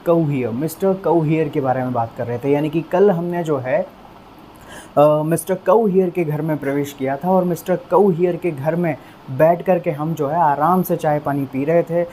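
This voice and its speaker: Mellow-voiced male vocabulary teacher. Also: a little high, a little hiss or hum. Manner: calls listeners friends, repeats words slowly for drill; conversational, with frequent fillers. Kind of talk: explanatory online lesson.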